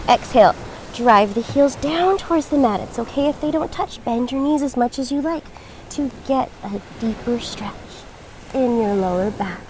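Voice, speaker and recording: High-voiced woman leading yoga. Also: expressive, darkish tone, a little hiss or hum. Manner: encouraging, reassuring, measured cueing. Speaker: yoga instructor. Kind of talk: guided yoga class instruction.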